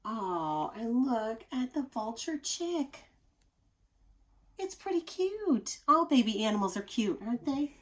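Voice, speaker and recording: A fairly high-pitched woman takes her time reading a children's nonfiction book. She sounds like a teacher, explaining with expression and adding friendly asides aimed at young listeners.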